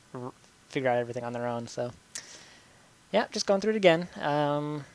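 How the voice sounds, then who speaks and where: Young man, podcast host, casual chat, medium pitch, jokey, laughs a lot. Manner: loose and joking, laughs often, trails off with fillers.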